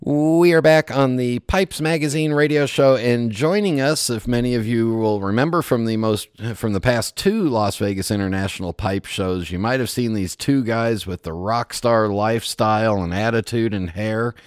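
A man's voice: medium pitch, normal speed, hardly any pauses, smooth, no echo, clean studio sound. A man hosting a radio interview show, teasing his guests and laughing often. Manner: jokey, teasing, laughs a lot.

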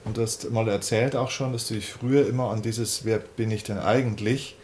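A man's voice: on the low side, steady tone, a little fast, darkish tone, slight background noise. Attentive male interviewer. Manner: attentive, frequent murmured agreement, probing questions.

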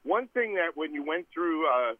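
Caller on a clipped phone line. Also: male voice, fairly high pitch, animated, normal speed, dry recording. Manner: rambling, thinking aloud mid-sentence. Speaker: caller to a sports radio show. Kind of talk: casual call-in chat.

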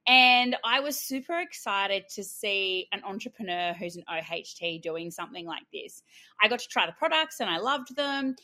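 A woman's voice: mid-range voice, expressive, moderate pace, sharp tone. A woman hosting a casual podcast interview, a dental hygienist with a bubbly, jokey manner who laughs often.

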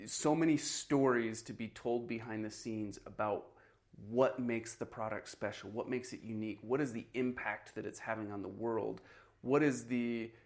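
Brief: man, mid-pitched voice, loose podcast talker who leans on fillers. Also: steady tone, normal speed, darkish tone. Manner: conversational, heavy on "you know" and "like". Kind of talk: casual podcast chat.

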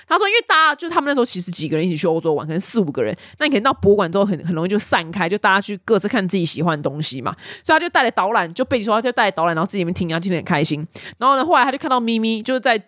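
A young adult woman, hosting a casual news chat with animated storytelling. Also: mid-range voice, very fast, hardly any pauses, no echo, studio quality. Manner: chatty, animated storytelling with voiced quotes. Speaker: news podcast host.

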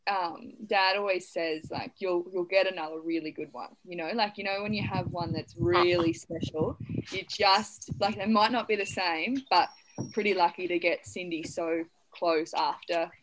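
An easygoing woman speaks as a guest, her voice a touch low. She talks loosely and laughs often. Faint noise sits behind her. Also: fairly even intonation, normal speed, low-quality recording. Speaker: guest, horse rider. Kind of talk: casual chat.

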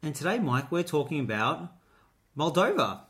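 A man's voice: medium pitch, animated, moderate pace, fairly bright tone. A man with a North Queensland Australian accent, co-hosting a show in casual, jokey chat. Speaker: co-host of a Eurovision show.

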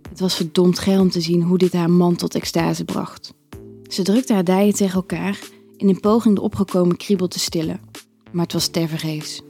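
A woman narrating an erotic audio story in a calm, even storytelling manner. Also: lowish voice, breathy edge.

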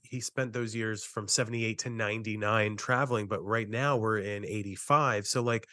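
A man's voice: on the low side, steady tone, moderate pace, bright, forceful tone, no echo, clean studio sound. A man co-hosting a true-crime podcast, discussing and narrating cases in a conversational way.

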